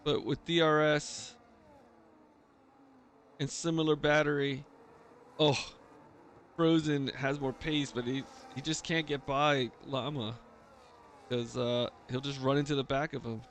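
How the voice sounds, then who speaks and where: A man's voice: medium pitch, flat delivery, unhurried, pauses often, slight background noise. A man giving live, casual motorsport commentary as a race commentator for an online league.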